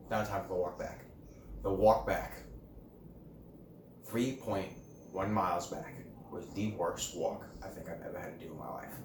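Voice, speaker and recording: A man's voice: on the low side, fairly bright tone. Casual male vlogger, young adult, sweary and self-deprecating, roomy and off-mic. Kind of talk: casual storytelling. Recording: roomy, distant mic with faint background noise.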